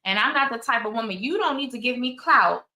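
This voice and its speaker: A woman's voice: fairly high pitch, lively intonation, a little fast, sharp tone, reverberant, poor audio. A woman in her forties hosting her own channel, chatting candidly and telling stories with many asides. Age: 40s. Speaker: channel host. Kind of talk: casual commentary chat.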